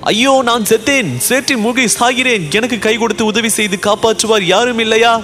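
A man's voice: fairly high pitch, big pitch swings, a little fast, fairly bright tone, soft background music, pitched above the performer's own voice. A man voicing a vain, witty young warrior who jokes and cries out dramatically. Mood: alarmed. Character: boastful witty young male warrior, playful.

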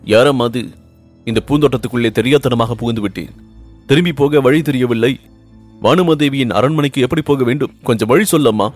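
A man's voice: mid-range voice, fairly quick, soft background music, natural voice. A man reading aloud and voicing an anxious young prince in love, speaking earnestly and pleadingly. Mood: polite. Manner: earnest, pleading, rising with emotion. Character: young Pandya prince, ardent and anxious lover.

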